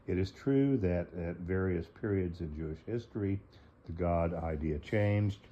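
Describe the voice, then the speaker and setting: A slightly hoarse man talking casually and reading a book aloud, pausing often with fillers, on a dull lo-fi recording. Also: deep voice, mellow. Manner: hesitant, many fillers between phrases. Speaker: host reading and explaining a book. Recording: dull lo-fi recording, faint noise.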